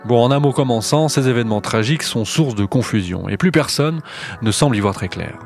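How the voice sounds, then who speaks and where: A man's voice: medium pitch, fairly quick, a little mellow, faint music behind. A man co-hosting a podcast, reading narration and chiming in with playful questions and asides. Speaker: podcast co-host. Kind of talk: scripted podcast narration and banter.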